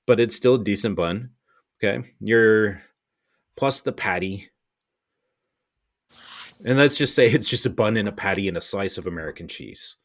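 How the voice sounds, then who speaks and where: Man, lowish voice, exasperated rant, blunt and sweary, casual opinionated chat. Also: normal speed, long pauses. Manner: blunt, exasperated ranting with profanity.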